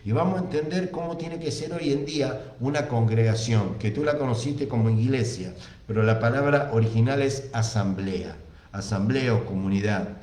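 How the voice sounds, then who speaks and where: A man with an Argentine Spanish accent preaches a sermon, reading scripture aloud and repeating key phrases for emphasis. His mid-range voice is a little mellow, at a moderate pace, and the space is reverberant.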